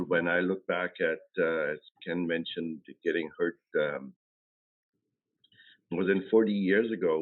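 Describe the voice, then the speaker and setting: Man with a really deep voice thanking a grad, lots of uhs, sounds like a phone line. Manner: hesitant, with fillers. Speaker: ceremony speaker. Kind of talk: formal speech with pauses. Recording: phone-like audio.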